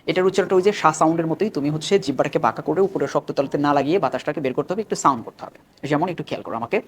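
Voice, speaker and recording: A man with a Bangladeshi accent teaching an online English pronunciation lesson. He repeats model words slowly and loudly so learners can copy them. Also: a little high, a little hiss or hum.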